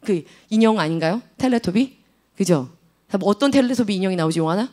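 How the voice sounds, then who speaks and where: A woman in her thirties preaching a sermon to teenagers in a church service, animated and full of questions to the students. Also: medium pitch, fast. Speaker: youth ministry preacher.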